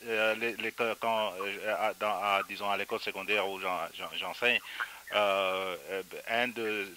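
A Congolese man hosting a radio interview, talking haltingly with many filler sounds and restarts. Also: on the low side, little pitch movement, sharp tone, a little hiss or hum. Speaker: radio host and teacher.

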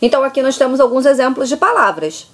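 A woman from Brazil, a native Portuguese speaker, gives a recorded class lecture. Her voice sits fairly high and moves through a wide, animated range. She explains patiently and keeps checking in with her students. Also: fast talker. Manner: explanatory, repeats points with "tá?" checks. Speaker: Spanish teacher.

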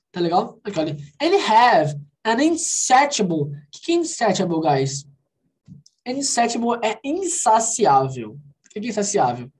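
A man with a Brazilian Portuguese accent leads an online English conversation class. He explains vocabulary patiently, slows down on the English words, and keeps checking in with his students. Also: sits high, darkish tone. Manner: explains patiently, repeating English words slowly and asking "tá legal?". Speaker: English teacher.

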